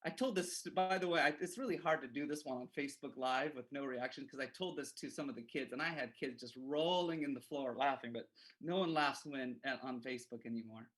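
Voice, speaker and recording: A man giving a devotional as an animated story, full of self-mocking humor, on a livestream. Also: mid-range voice, fairly quick. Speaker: devotional speaker.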